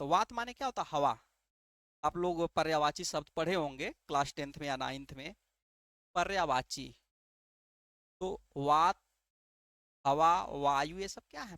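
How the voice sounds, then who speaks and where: A man's voice: sits high, bright, forceful tone, no echo, clean studio sound. A male teacher giving an exam-prep lesson, asking rhetorical questions and answering them himself, and often repeating key terms. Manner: repeats key terms and checks understanding with "ठीक है".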